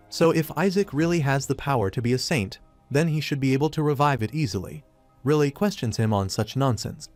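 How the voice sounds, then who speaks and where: A man narrating a comic recap in a steady, even storytelling voice. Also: mid-range voice, no room sound. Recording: faint music behind.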